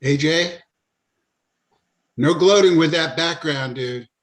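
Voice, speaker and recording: A man's voice: fairly high pitch, takes it slowly. A man in a club video meeting, joking dryly and teasing the host. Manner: dry teasing humor. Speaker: club member on a video call. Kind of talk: casual chat.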